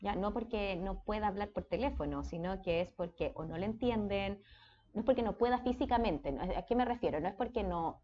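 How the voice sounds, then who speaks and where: A woman's voice: mid-range voice, brisk, highs cut off, slight background noise. A woman with a Chilean accent giving a casual speech therapy lecture, often checking in with her students. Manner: conversational, checks in with frequent "¿ya?".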